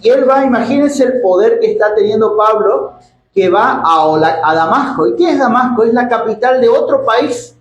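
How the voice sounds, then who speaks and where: High-voiced pastor in an echoey church. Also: male voice, expressive, muffled recording. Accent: Argentine Spanish. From Argentina. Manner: reads scripture slowly and stretches out the quoted words; casual preaching with many restarts and rhetorical questions. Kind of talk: sermon. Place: church hall. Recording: echoey church hall, faint background noise.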